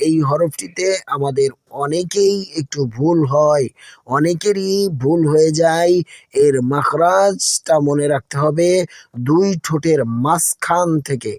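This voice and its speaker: A man's voice: a little high, no echo, clean studio sound. A man teaching a Quran lesson, patiently repeating each instruction and addressing his listeners as friends.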